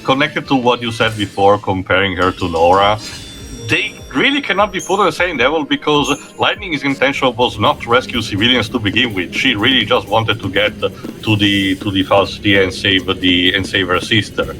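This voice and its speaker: A man casually commenting on a game replay, calmly explaining gameplay mechanics and character motives. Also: lowish voice, moderate pace, soft background music.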